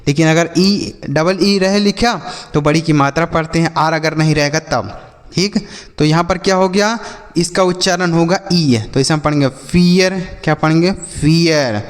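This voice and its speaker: A man's voice: fairly high pitch, normal speed, in a large hall. A man teaching English reading to children, spelling words out letter by letter and asking and answering his own questions. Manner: spells words letter by letter, asks "what will we read?" and answers himself; calls listeners "children". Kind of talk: classroom-style phonics lesson.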